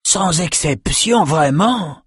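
Audiobook: man doing a whiny noble, high-pitched, drawling. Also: lively intonation, slow pace, slightly rough, no echo, clean studio sound, full character voice. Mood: complaining. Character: grasping male noble, whining.

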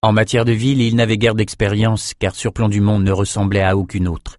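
A man with a lowish voice reads a fantasy adventure aloud as narrator. His reading is measured and dramatic. The sound is close and dry, with no room echo. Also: level tone, a little mellow. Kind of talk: storybook narration.

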